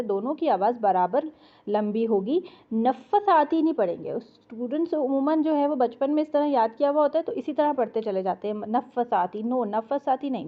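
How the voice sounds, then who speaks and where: Tinny-sounding woman teaching Quran recitation. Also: fairly high pitch. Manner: patient, breaks words into syllables and repeats them. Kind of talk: tajweed lesson with slow recited examples. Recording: tinny phone-like audio.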